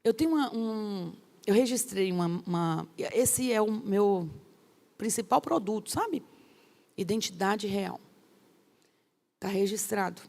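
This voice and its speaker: A woman pastor, teaching a course in an emphatic, lively way with rhetorical questions. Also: medium pitch, unhurried, gravelly, pauses often.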